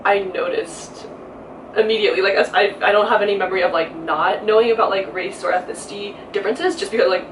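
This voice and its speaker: A young woman guest chatting casually and relaxed, often saying "um" and "like.". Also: medium pitch, quick pace. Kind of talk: casual chat. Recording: echoey room, mic at a distance, background hiss.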